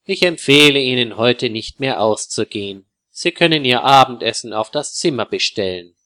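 A man voicing a polite male hotel doctor who gives formal, calm advice in a storybook reading. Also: mid-range voice, moderate pace. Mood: courteous.

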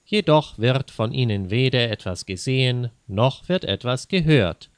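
A man narrating a story in a measured, deliberate reading. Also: mid-range voice, expressive, clean tone, no echo, clean studio sound.

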